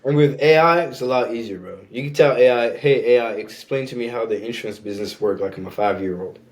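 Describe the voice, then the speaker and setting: A young Rwandan man, whose first language is a Rwandan language and who also speaks French, chats easily as a podcast guest, often saying "you know what I'm saying." His voice is mid-range and his pace is quick in this casual conversation.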